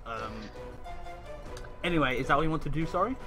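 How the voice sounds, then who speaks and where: A man's voice: fairly high pitch, expressive, a little fast, over music. A man running a tabletop game as game master, narrating the action in a hesitant, apologetic way, full of fillers and restarts.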